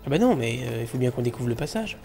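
A man's voice: mid-range voice, very animated, fast talker, over music. A man hosting a game video, chatting, joking and thinking aloud as he plays. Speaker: let's play host. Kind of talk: casual gameplay commentary.

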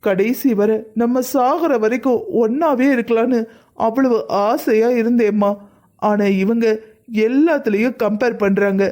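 A woman's voice: a little high, measured pace, warm tone, lightly acted. A performer voicing a young married woman, an elder sister, who complains hurt and pleading in a cartoon family drama. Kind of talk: cartoon voice acting.

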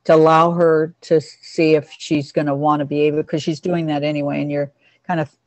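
A woman's voice: deep voice, little pitch movement, fairly quick, darkish tone, dry recording, dull audio. A woman teaching an online class on a video call, chatty and affectionate, calling people honey and sweetheart. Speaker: animal communicator teaching a class. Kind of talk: casual online class talk.

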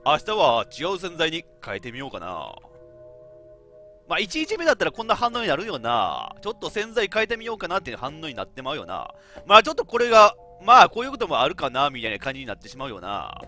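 A man's voice: on the high side, quick pace, few pauses, faint music behind. A man with a giving chatty, laughing let's-play commentary as a game streamer. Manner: animated, chatty, laughs often, talks to himself.

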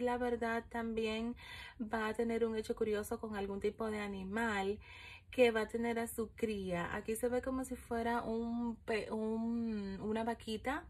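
Indoors at home, in a room with candles and an altar, a woman who reads coffee grounds and tarot gives a casual spiritual fortune reading. Her voice is on the high side, and she's chatty, filling gaps with "eh" and "um" and checking in with "¿ok?" again and again. A phone camera over the table records her while she stays off screen.

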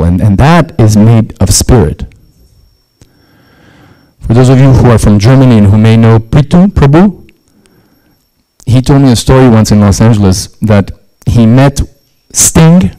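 A man's voice: mid-range voice, mellow, low-quality recording. A man giving a religious scripture lecture in a conversational way, with frequent restarts and "right?" asides.

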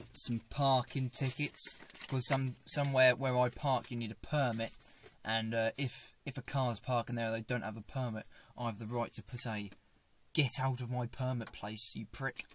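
Sitting in a parked small car, a young adult male vlogger gives a casual car tour, showing a dashboard camera what he keeps inside and joking dryly about it. He's chatty and self-mocking at medium pitch, with slight background noise, recorded on the fixed dashboard camera.

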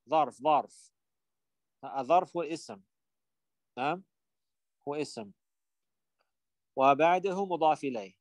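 A man's voice: a little high, dry recording. A man teaching an Arabic grammar class, repeating key terms, quizzing his students and sometimes explaining in English.

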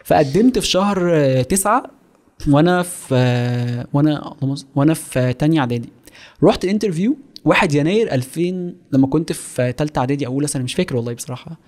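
A man in his twenties with an Egyptian Arabic accent chats casually as a podcast guest, speaking rapid-fire in a fairly high, slightly mellow voice with lively intonation. He's at a close studio microphone on a boom arm in a small, home-style studio office.

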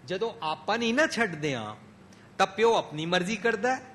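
A man preaching a sermon in a gurdwara, mixing English phrases into his talk, swinging between emphatic peaks and soft drops. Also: high voice, very animated, moderate pace, slight background noise. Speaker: Sikh preacher. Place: gurdwara hall.

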